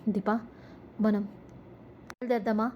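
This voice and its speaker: A woman's voice: medium pitch, little pitch movement, slow pace, slight background noise, close to an everyday voice. A woman reading the lines of a young husband and father in a Telugu serial recap, speaking sharply. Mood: coaxing. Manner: sharp scolding toward his mother.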